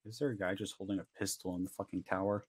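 Quick, wisecracking man on comms. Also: low voice, steady tone, breathy edge, no echo. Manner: wisecracking, swears casually. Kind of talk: casual squad chatter over game comms.

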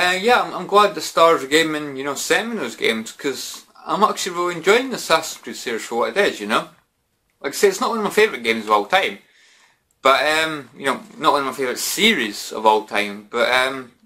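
A young British man talks to the camera in a casual, drunken ramble. His voice is mid-pitched and bright, with a forceful edge. He circles back over his points and throws in mild swearing and filler phrases. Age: 20s. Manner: repetitive, rambling, peppered with "you know" and mild swearing. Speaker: gaming vlogger. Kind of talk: casual vlog chat to camera. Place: small bedroom, indoors.

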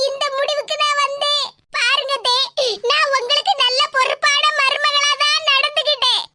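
A woman doing a whiny, naive young bride. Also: very high voice. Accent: Tirunelveli Tamil. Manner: pleading, whiny, self-justifying. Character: naive young bride, daughter-in-law, dim-witted. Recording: loud background noise.

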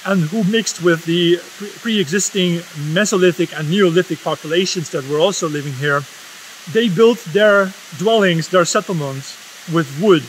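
Standing in a forest, a Dutch video essay host in his fifties, Dutch by first language, gives an earnest, solemn and impassioned talk to camera. His pitch is high and his pace moderate. Audio quality is poor, with slight background noise.

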